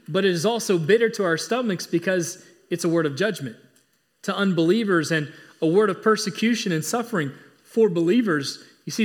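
Man, high voice, pastor, sermon, earnest, emphatic, repeating points. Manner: earnest, emphatic preaching with repetition.

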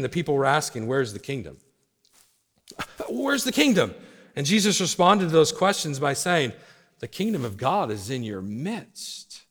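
A man preaching a sermon, his fairly high voice rising to loud urgent calls and then dropping low and hushed. A long reverb from the church sanctuary trails every phrase. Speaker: pastor.

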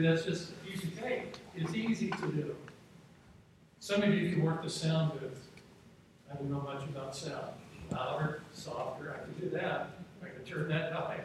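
A middle-aged man preaching a sermon as a pastor in a church auditorium, with an emphatic cadence and slow, deliberate scripture reading. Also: fairly high pitch, noisy background. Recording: very echoey hall from far off.

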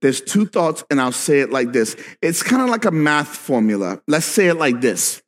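A male pastor preaching a sermon in a conversational way that builds to emphatic shouts. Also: a little high, big pitch swings, normal speed. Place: church sanctuary. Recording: long reverb with faint background music.

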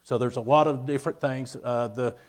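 A man preaching an informal evening Bible lesson at a pulpit microphone, speaking in a halting, folksy, plain-spoken way and putting questions to his listeners. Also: mid-range voice, steady tone, a little mellow. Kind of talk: informal teaching sermon with questions to congregation.

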